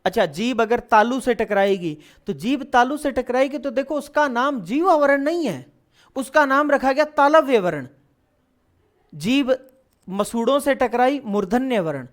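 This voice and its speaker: A man teaching an online lesson. He explains step by step, asks questions and answers them himself, and drills lists of syllables in a steady rhythm. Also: very high-pitched, measured pace. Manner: explains step by step, asking and then answering his own questions.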